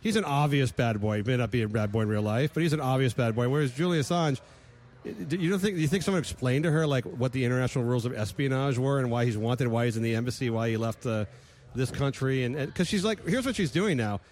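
A man co-hosting a casual comedic chat, animated and laughing often. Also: medium pitch, quick pace, slight background noise. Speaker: podcast co-host.

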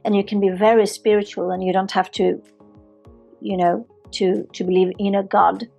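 A Swedish yoga therapist and physiotherapist with a Swedish accent answers podcast interview questions in an earnest, flowing way, repeating herself for emphasis. Her medium-pitched voice is level, creaky and a little mellow, at a normal speed. Soft music plays in the background.

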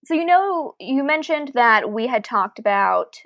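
She's very animated and unhurried, her voice on the high side and a bit bright, with no room sound. As a podcast co-host, she reads listener mail aloud and discusses books in an easygoing, well-spoken manner.

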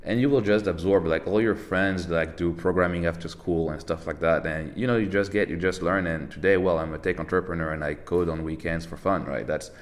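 A Parisian tech entrepreneur chats casually as a podcast guest in a very low voice. He speaks briskly with few pauses, relaxed and rambling, full of fillers and restarts. He laughs easily throughout the interview.

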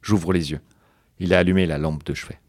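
A man's voice: low-pitched, fairly even intonation, brisk, darkish tone, no echo, studio quality. A man co-hosting a podcast, reading a novel aloud in a joking, mock-dramatic way with banter. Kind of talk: comic book reading with banter.

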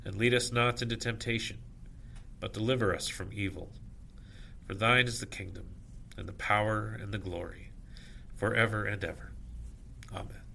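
Low, creaky-voiced man leading evening prayer. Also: steady tone, sharp tone, slight background noise. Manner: measured, solemn recitation in short phrases. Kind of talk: liturgical scripture reading and prayer recitation.

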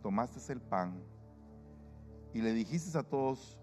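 A male pastor preaching to his congregation and leading communion, lively and acting out the voices of people he quotes. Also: medium pitch, slow, in a large hall, soft background music. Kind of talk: sermon and communion prayer. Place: church.

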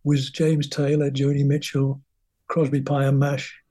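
His delivery is completely flat and a little slow, in a mellow, mid-range voice. He is an older man from England, a musician being interviewed, rambling chattily through anecdotes about his career and performing the voices of people he quotes.

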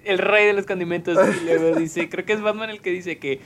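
A man's voice: sits high, steady tone, brisk, fairly bright tone. A man co-hosting a podcast in casual chat, teasing and chuckling between remarks. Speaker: podcast co-host.

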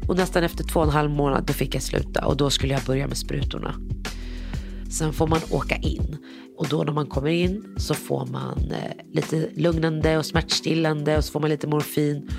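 Woman, 30s, gravelly voice, frank personal storytelling over background music, acts out dialogue. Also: deep voice, steady tone. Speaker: guest telling her own story. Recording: music playing underneath.

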